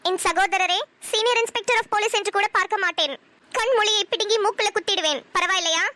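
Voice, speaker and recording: A woman's voice: very high voice, normal speed, pushed and bright. A woman voicing a cheeky, talkative young woman in a cartoon, speaking in a sassy, teasing way. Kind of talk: cartoon voice acting.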